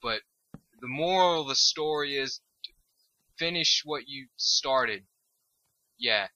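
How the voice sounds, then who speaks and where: Speaking slowly in a sharp, medium-pitched voice, he's captured on a low-quality recording without echo. This tired, stoned young man offers casual let's-play commentary, rambling, swearing freely, and drifting off mid-thought.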